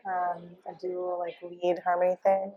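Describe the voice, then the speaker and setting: A woman from New York, the band's keyboardist and harmony singer, answering interview questions hesitantly with many pauses. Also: lowish voice, completely flat delivery, lo-fi sound. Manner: hesitant, soft-trailing, slow.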